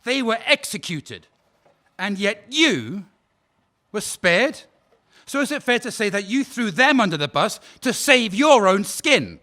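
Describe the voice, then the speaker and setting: Acting as a prosecutor at a war crimes trial in an audio drama, this man questions a witness coldly, probing, sarcastic, and formal. His high voice is sing-song, unhurried, bright, and forceful, with heavily acted delivery.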